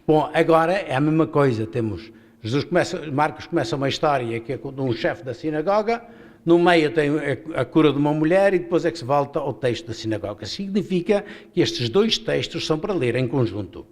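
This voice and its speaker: A man's voice: fairly high pitch, expressive, a little fast. A man with a European Portuguese accent, a bishop leading a guided Bible reading, explaining with restarts and rhetorical questions. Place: seminary hall.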